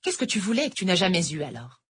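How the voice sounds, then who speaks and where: A sharp-tongued, brooding tutor woman with a husky edge to her voice, as a reader puts her on. She rises higher and louder than the narration, turning mock-cheerful and then bitter. An Irish tutor in a storybook reading. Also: sing-song, quick pace, exaggerated voice.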